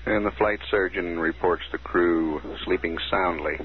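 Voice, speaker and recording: A man giving formal, businesslike mission status announcements, reading out figures in a measured way, heard through a muffled radio transmission. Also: low-pitched, fairly even intonation. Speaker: mission control commentator. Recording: dull 1969 archive broadcast, faint hiss.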